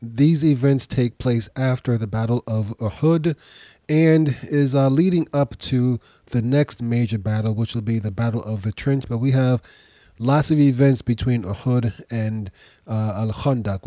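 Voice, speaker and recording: A man's voice: medium pitch, dark tone, no room sound, studio quality. A slightly congested, nasal man getting over a cold, hosting a podcast as an informal history lecture, explaining and often rephrasing himself. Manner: explanatory, pausing to rephrase and repeat. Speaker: podcast host.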